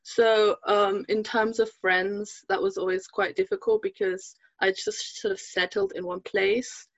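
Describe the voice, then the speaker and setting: A woman's voice: mid-range voice, animated, a little slow, gravelly, no room sound. Twenty-something woman from germany chatting as a guest, lots of ums and likes, dull dry sound. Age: 20s. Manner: hesitant, many fillers and restarts. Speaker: podcast guest. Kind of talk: casual interview chat.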